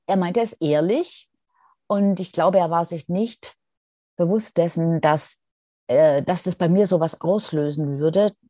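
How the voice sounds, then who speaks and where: A woman hosting a solo podcast, speaking thoughtfully and directly to the listener, pausing often with fillers. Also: lowish voice, mellow, no echo, studio quality. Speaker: podcast host. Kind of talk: reflective solo podcast talk.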